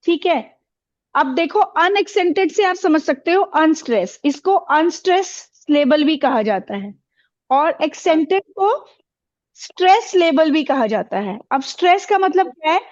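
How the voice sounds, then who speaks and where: A woman's voice: high-pitched, muffled recording. A woman teaching a classroom, asking the pupils questions and repeating their answers with encouragement.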